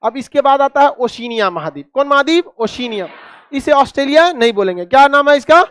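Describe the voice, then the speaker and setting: A man's voice: extremely high pitch, expressive, brisk, fairly bright tone, no echo, clean studio sound. A man teaching a class, quizzing students with repeated questions and cracking jokes. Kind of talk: classroom lecture with call-and-response.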